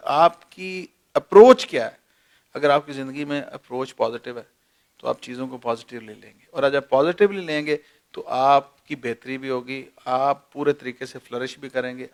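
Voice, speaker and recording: A man, a senior advocate giving measured, lecturing answers in an interview and leaning on everyday examples. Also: mid-range voice. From Pakistan. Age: 40s.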